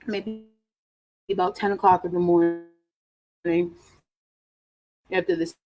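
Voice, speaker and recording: Halting New woman on a video call. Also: lowish voice, low-quality recording. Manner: halting, emotional telling with many fillers and restarts. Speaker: interview guest. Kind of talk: personal account in an online interview.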